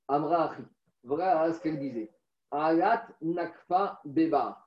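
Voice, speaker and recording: A man's voice: a little high, unhurried. A man teaching a text study class, chanting text passages aloud and then explaining them with little stories. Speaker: religious teacher. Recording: roomy, distant, dull recording.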